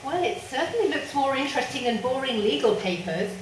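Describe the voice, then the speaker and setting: Actress playing a worried sister, stage play, high lively voice, coaxing tone. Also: female voice, fairly quick, a little hiss or hum. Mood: concerned. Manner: anxious, coaxing, proper. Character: worried conventional sister Madeline, fussing. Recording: echoey stage sound from a distance.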